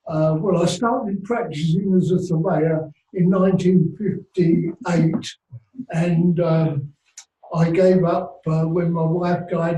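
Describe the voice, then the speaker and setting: Slow, mellow-voiced man in his eighties, measured panelist, distant mic in a roomy hall. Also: on the high side, dull audio. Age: 80s. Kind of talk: panel discussion.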